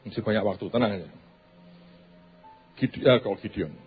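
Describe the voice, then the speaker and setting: A man preaching a sermon as pastor, telling stories that swing from loud bursts to hushed asides. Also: on the low side, normal speed, slightly rough, faint music behind.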